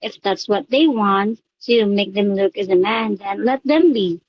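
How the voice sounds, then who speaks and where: Filipina woman giving thoughtful, halting interview answers, muffled dry recording. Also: medium pitch, dry recording. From Philippines. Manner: hesitant, thinking aloud with fillers.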